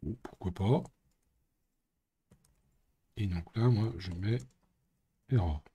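A man with a deep, warm, slightly rough voice speaks slowly while live-streaming his coding, thinking out loud and muttering along with playful sound effects. The casual commentary comes through on a muffled recording.

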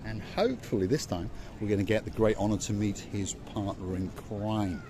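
A middle-aged man co-hosting a vlog guides viewers along a harbour promenade at night with chatty, teasing, showman-style jokes, filmed on a phone at arm's length. His low, mellow voice keeps a fairly even intonation and moderate pace, amid busy crowd chatter and slight background noise.

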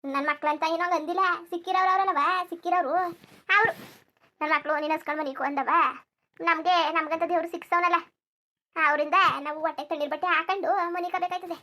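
A put-upon young village daughter-in-law, voiced by a woman for a family cartoon, rambling through her grievances. Her voice sits high and her pace is quick, and she. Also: flat delivery, a bit bright. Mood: venting. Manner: complaining, rambling grievance monologue. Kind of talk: cartoon voice acting.

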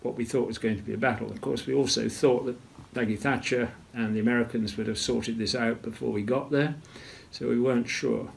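Older man being interviewed, gravelly voice, keeps clearing his throat, measured and steady. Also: medium pitch, slight background noise. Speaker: retired naval officer interviewee. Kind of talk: interview recollection.

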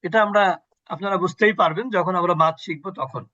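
A man's voice: sits high, quick pace, pushed and bright, dry recording, highs cut off. A man teaching an online Quran recitation class on a video call, patiently quizzing his students and repeating sounds for them.

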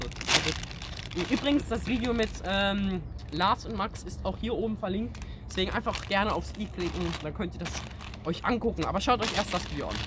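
A teenage young man hosting a casual taste-test vlog, talking in a chatty, hesitant way outdoors toward a camera a few steps away. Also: high-pitched. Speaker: video host reviewing snacks. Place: outdoors by a brick wall. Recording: outdoor camera audio with clear background noise.

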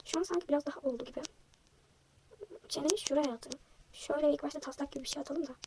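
A young woman vlogger chatting casually while she draws, self-deprecating and thinking aloud, her voice slightly hoarse from a sore throat. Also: high voice, rapid-fire, background noise. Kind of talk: casual chat while drawing.

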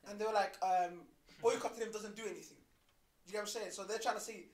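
Young guy rambling fast on a podcast, roomy echo. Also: high voice, fairly even intonation, darkish tone. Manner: chatty, loose storytelling. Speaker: podcast co-host. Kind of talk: casual chat.

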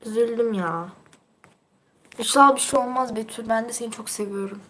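A woman's voice: on the high side, fairly quick, bright, forceful tone, slight background noise. A teenage girl chatting casually on her livestream, reading out viewer comments in a teasing, chatty way and laughing often.

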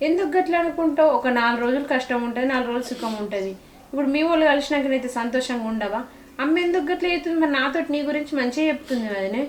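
A woman's voice: sits high, lively intonation, racing, roomy sound, slight background noise. A young woman with a Telangana Telugu accent playing a protective sister-in-law in a village drama, talking in a consoling, coaxing way. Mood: urgent consoling. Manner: consoling, coaxing, with many questions. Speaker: actor in a village short film.

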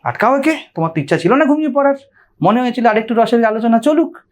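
A man's voice: very high-pitched, animated, quick pace. A man, a spiritual teacher, giving a conversational sermon on scripture and often asking his listeners questions.

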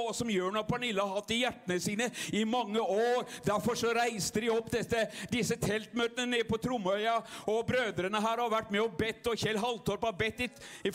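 A Norwegian man preaching a revival sermon with fervent energy and frequent cries of hallelujah. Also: extremely high pitch. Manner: fervent, shouts hallelujah, then drops to a calmer Bible reading. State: gets excited and loud.

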